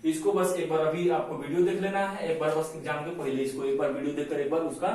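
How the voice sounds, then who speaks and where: A man teaching Hindi grammar in a lecture, forever adding "है ना" and slowing down to dictate notes. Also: fairly high pitch, flat delivery, a little mellow. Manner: repeats the tag "है ना" constantly, slows to dictate notes. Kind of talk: classroom lecture, explaining and dictating. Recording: very echoey room, from a distance, faint noise.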